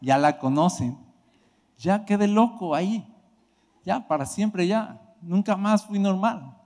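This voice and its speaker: Male preacher, high pitch, animated testimony with shouts, reverberant church hall. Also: slow pace. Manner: emotional, animated storytelling with shouted outbursts. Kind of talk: sermon testimony.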